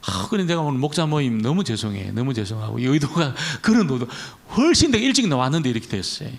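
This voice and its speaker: Gravelly, lively-voiced male pastor preaching. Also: medium pitch, fast talker. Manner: conversational preaching, repeats key words. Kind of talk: Friday prayer meeting sermon. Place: church.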